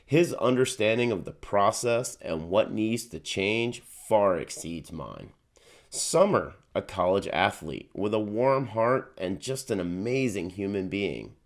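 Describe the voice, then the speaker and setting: Lively-voiced male host, low pitch. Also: measured pace. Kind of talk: scripted video introduction.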